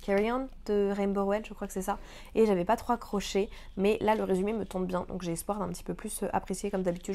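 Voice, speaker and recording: A young woman talks casually to her viewers about books she is looking forward to. Her voice sits low and sounds mellow and warm. She is chatty and eager, with many fillers and English terms mixed in. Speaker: book vlogger. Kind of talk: casual chat.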